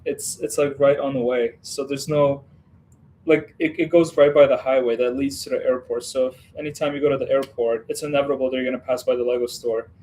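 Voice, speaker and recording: Chatty man hosting a relaxed livestream. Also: medium pitch, brisk, a little hiss or hum, rough recording. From Western Ukraine. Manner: chatty and rambling, talks to viewers while building. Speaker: livestream host building a model set. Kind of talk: casual livestream chat.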